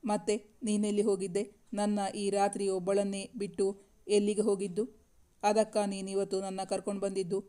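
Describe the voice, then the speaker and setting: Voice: mid-range voice, monotone, moderate pace, warm tone, clear, resonant tone, lightly acted. A narrator reading the lines of a frightened, hurt young woman in an audiobook romance novel. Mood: anxious.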